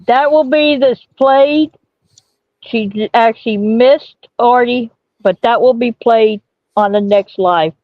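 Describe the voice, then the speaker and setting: A woman's voice: fairly high pitch, takes it slowly, no room sound. Teasing woman co-host, slightly muffled. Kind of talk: casual livestream chat.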